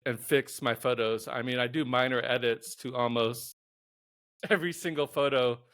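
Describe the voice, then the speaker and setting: A man hosting his own interview podcast in a relaxed, casual way, with frequent chuckles and filler words. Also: medium pitch, normal speed, no echo, clean studio sound. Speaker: podcast host and photographer.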